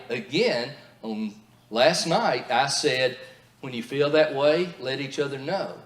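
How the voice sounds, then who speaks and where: A middle-aged man giving a marriage seminar in a church, telling stories earnestly. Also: fairly high pitch. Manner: earnest storytelling. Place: church hall. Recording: echoey church hall.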